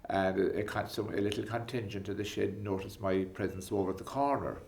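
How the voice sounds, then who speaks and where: A bishop recounting a story about himself with gentle self-deprecation. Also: male voice, lowish voice, fairly quick, vocal fry. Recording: distant echoey room.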